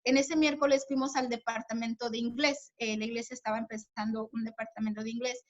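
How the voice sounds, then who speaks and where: High-voiced woman giving earnest testimony. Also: level tone, fairly quick, dull audio. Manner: earnest, addresses listeners as sisters, many fillers and restarts. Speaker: guest speaker at a women's church meeting. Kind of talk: personal church testimony. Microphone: video call.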